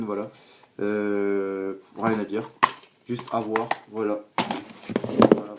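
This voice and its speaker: A young man talks through his DVD shelf in a loose, rambling way, stacking up fillers and repeating himself as he goes. The recording is home-made, with clear background noise under his voice. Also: medium pitch. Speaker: collector showing his DVDs. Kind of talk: casual spoken review.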